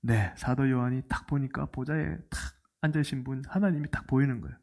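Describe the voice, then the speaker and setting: A man's voice: mid-range voice, a little fast, creaky. A middle-aged man preaching a sermon as a pastor, telling the story with animation and asking the congregation questions. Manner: animated storytelling, asks the congregation questions and acts out quoted lines.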